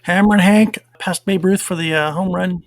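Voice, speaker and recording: A man co-hosting a casual podcast, talking in a relaxed, rambling way with filler words. His voice is fairly high and gravelly, and it sounds dry and close, with no room echo. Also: normal speed. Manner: relaxed and rambling, with fillers while reading down a list. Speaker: podcast co-host. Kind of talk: casual chat.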